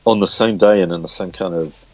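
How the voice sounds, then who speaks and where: This interview features a comic writer with a very deep, somewhat mellow voice and fairly even intonation, chatting casually but haltingly, often repeating words. The phone recording is muffled and lo-fi with no room sound.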